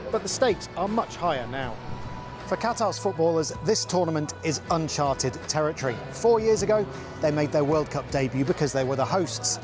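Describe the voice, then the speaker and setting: Male field reporter over music. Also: on the high side. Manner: measured broadcast delivery. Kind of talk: news report.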